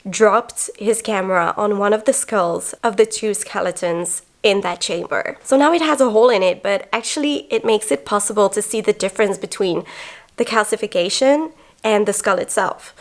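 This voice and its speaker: A woman's voice: mid-range voice, moderate pace. A woman narrating a travel vlog, chatty and enthusiastic as she explains and recaps her experiences. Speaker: travel vlogger.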